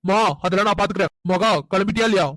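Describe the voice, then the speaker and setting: A performer voicing a hot-tempered, possessive young man in a cartoon who shouts and demands. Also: mid-range voice, fairly even intonation, racing, no room sound, natural voice, low-quality recording. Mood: angry. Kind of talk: cartoon voice acting.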